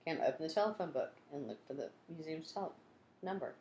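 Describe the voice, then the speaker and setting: A woman with a low voice reads a children's storybook aloud at a quick pace, acting out dialogue and sound effects expressively and adding teacher-like asides. The room has a roomy echo and some background noise.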